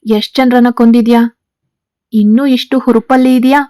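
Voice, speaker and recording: A reproachful, angry young wife close to tears in a spoken story, read by a woman. The voice is fairly high and mellow. The recording is dry and close. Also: little pitch movement, normal speed, dry recording, lightly acted.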